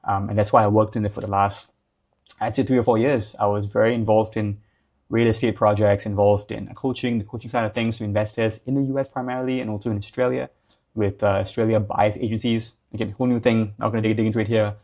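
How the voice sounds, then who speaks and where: A young Singaporean business coach gives casual, loose talking-head advice, his speech packed with fillers like "like" and "um". His voice sits on the low side, darkish and level, and he talks quickly.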